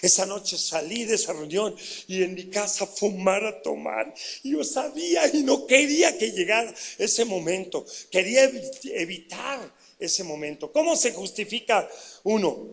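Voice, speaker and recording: A middle-aged pastor with a Mexican Spanish accent preaches his testimony in a high, bright voice. He tells the story with lively energy and keeps turning to the congregation with questions. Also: normal speed, gravelly. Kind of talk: sermon testimony.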